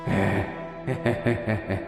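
A man voicing a gloating, murderous possessed doll spirit in a hushed, sneering tone with eerie laughs. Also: fairly low pitch, flat delivery, extremely slow, creaky, very echoey, big-room sound, music in the background, full character voice. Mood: gloating menace.

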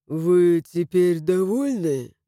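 A man performs an ancient dragon who speaks with patient, lecturing calm in a storybook reading. His voice sits high for a man yet sounds mellow. The pace is slow and deliberate, and the recording is close and dry. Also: no echo. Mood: reproachful. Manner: measured, lecturing. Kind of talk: audiobook character voice.

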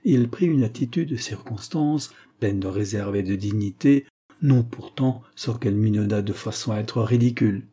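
A man narrating a classic adventure novel as an audiobook reader, in steady, even storytelling. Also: lowish voice, normal speed, breathy edge.

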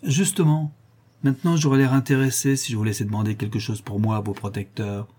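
A man reading aloud and voicing a rough, outspoken working-class woman in an audiobook. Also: mid-range voice, level tone, fairly quick, dark tone, lightly acted. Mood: blunt. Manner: gruff and outspoken.

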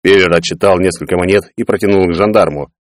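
A man narrating a storybook as audiobook reader, in an expressive storytelling manner. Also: low-pitched, quick pace, dry recording, studio quality. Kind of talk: scripted narration.

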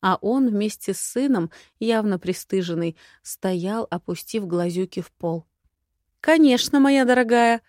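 Woman, audiobook narration, wry storytelling, mid pitch, dry close sound. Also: measured pace, hardly any pauses, darkish tone, dry recording. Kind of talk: first-person audiobook narration.

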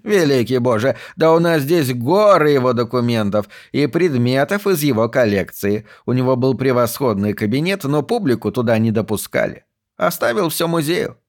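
A man voicing an excitable, talkative old male museum archivist who snorts as he speaks, in a raised voice. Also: fairly high pitch, creaky, voice pushed up.

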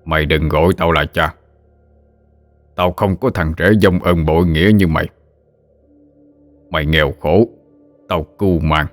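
A man's voice: low-pitched, animated, moderate pace, long pauses, soft background music. A man voicing a furious old exorcist father-in-law who scolds harshly and bitterly.

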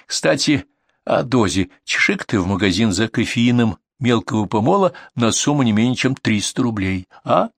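A man's voice: medium pitch, animated, moderate pace, creaky, no room sound. Man voicing a stern, weary ambulance doctor. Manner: dry, stern, mocking. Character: weary, gruff male ambulance doctor, middle-aged.

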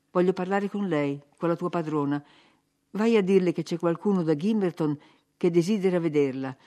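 A brooding, impatient young man at a door, low and urgent, demanding to be let in, as a woman reader voices him in a storybook reading. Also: mellow. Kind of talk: audiobook reading.

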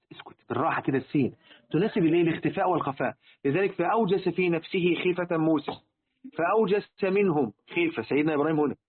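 A man with an Egyptian accent gives a religious lesson on word meanings, asking his listeners rhetorical questions and repeating key words. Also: a little high. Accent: Egyptian Arabic. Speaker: religious teacher. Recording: tinny, phone-like lo-fi recording.

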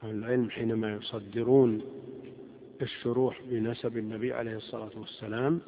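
A man's voice: mid-range voice, flat delivery, fast talker, slight background noise. A man teaching a classroom lecture as a teacher of hadith, explaining each point step by step. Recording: lo-fi phone-like sound in a reverberant hall.

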